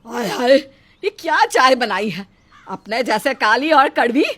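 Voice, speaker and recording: A woman's voice: on the high side, animated, unhurried, fairly bright tone. A woman voicing a harsh, scornful middle-aged mother-in-law in a cartoon story, scolding and taunting.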